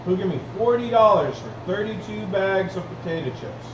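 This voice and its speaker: This high-voiced male auctioneer calls bids in an animated way at normal speed, repetitively addressing folks during a live online auction. The recording is roomy, dull and clearly noisy, with the mic distant.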